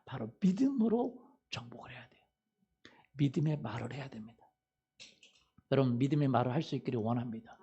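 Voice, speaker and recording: Husky preacher quizzing his congregation. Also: medium pitch, lively intonation, a little fast, long pauses, dark tone, muffled recording. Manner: quizzes the congregation with fill-in questions; repeats "hallelujah" and "right?". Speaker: pastor. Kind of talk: Sunday sermon. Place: church sanctuary.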